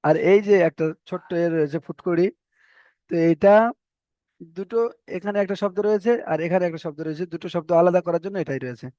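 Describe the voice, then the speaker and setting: A man teaching Quran reading, spelling out letters and vowel marks and then chanting each word slowly. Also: sits high, dark tone, no echo. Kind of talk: spelled-out recitation lesson.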